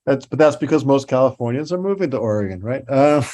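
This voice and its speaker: A man's voice: mid-range voice, expressive, fairly quick, mellow. A middle-aged man with a New York accent, talking as a toy-designer guest in a casual podcast interview, rambling with many restarts.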